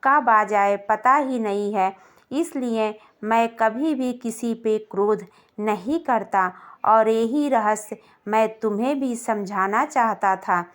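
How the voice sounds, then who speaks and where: A woman voicing a calm, gentle, wise male guru teaching his pupil in a storybook tale. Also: a little high. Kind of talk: storybook narration dialogue.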